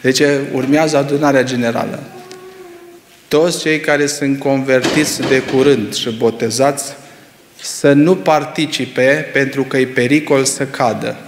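A man preaching a sermon, swinging between loud rising exclamations and hushed low asides, firing rhetorical questions at the congregation. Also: steady tone, a little hiss or hum. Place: church hall. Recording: echoey reverberant church hall.

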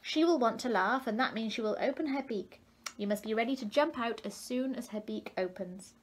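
Brave little male fish, steady and reassuring, in a storybook reading, as a woman puts him on, pitched a touch high. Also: brisk, close to an everyday voice. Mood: determined.

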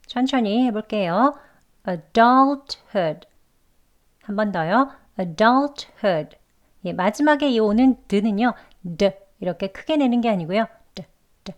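A woman teaching English pronunciation, carefully repeating words and example sentences syllable by syllable. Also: mid-range voice. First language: Korean. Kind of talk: pronunciation lesson.

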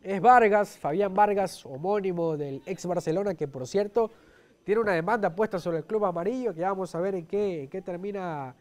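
A man's voice: sits high, normal speed. A man with an Ecuadorian accent giving live football commentary as a match commentator.

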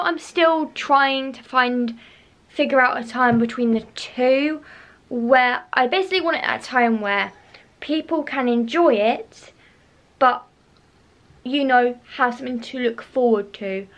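A woman's voice: sits high, lively intonation, measured pace, a bit bright. Young woman vlogging, rambling and repetitive. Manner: rambling, repeats herself, drops to a whisper at times. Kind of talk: casual vlog chat. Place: bedroom at home, indoors. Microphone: handheld camera close to face.

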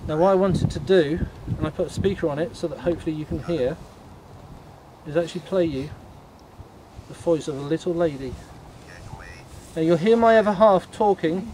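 A man leading a ghost tour, explaining things informally to a group in a halting, matter-of-fact way. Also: on the high side, dark tone. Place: on a night walking tour, in the dark. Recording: noisy outdoor night recording.

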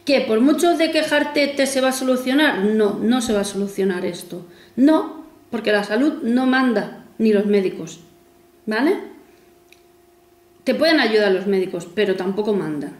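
Talking at a moderate pace with an animated, fairly high voice, a woman in her 40s chats to camera as a vlogger. Her talk wanders, with jokes at her own expense. Faint music and room echo surround her.

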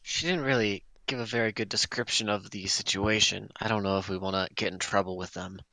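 A man's voice: lowish voice, steady tone, fairly quick, bright, forceful tone, no room sound, rough recording. A man player chatting casually at a tabletop game, practical and matter-of-fact.

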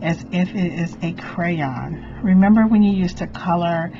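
A middle-aged woman hosting a craft vlog, speaking in a theatrical, gushing way with drawn-out emphasized words. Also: on the low side, dark tone, muffled recording, slight background noise. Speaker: craft channel host, doll artist. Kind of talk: vlog and DIY tutorial. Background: music.

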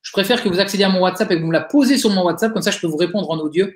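With a high-pitched, racing voice, a Liège-accented Belgian French man responds to questions during a live webinar. The digital agency owner is friendly and encouraging yet hesitates a lot, and the audio is roomy.

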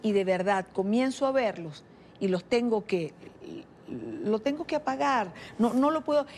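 A woman's voice: on the high side, animated, unhurried, a little mellow, a little hiss or hum. A woman interviewing a guest on a television news program, speaking hesitantly with many fillers and restarts.

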